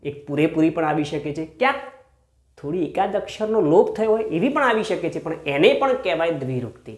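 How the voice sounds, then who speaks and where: A man's voice: fairly high pitch, lively intonation, a little fast, reverberant. A male school teacher giving a grammar lesson. He calls his listeners friends, asks questions and answers them himself, and stretches out key words.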